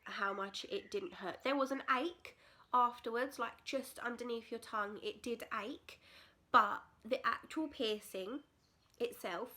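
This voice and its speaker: A woman's voice: fairly high pitch, a little slow, bright, forceful tone. A British woman in her twenties telling a personal story in a casual, candid, chatty vlog style. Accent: British English. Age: 20s. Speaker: vlogger.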